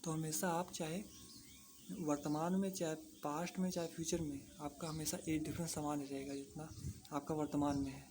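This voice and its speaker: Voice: mid-range voice, flat delivery, normal speed, background noise. A maths teacher explaining a lesson to exam students, repeating each point and asking and answering their own questions.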